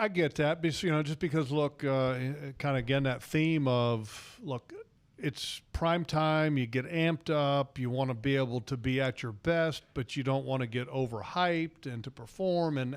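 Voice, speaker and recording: A man's voice: mid-range voice, normal speed. A man giving casual sports commentary as a radio analyst, with repeated words and emphatic asides.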